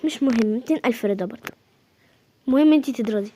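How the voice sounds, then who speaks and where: A woman with an Egyptian Arabic accent playing a calm mother who coaxes and settles a quarrel, in a homemade comedy skit. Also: racing, natural voice. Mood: soothing. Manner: lower, placating and coaxing. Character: calm soothing mother acting as peacemaker.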